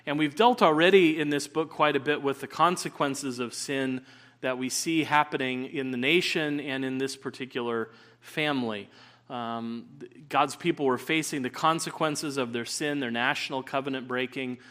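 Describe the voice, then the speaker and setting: A man preaching a sermon at a pulpit microphone in a church, praying and reading scripture in an earnest, measured way with frequent "uh" fillers. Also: mid-range voice, fairly even intonation, fairly bright tone. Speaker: pastor. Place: church sanctuary.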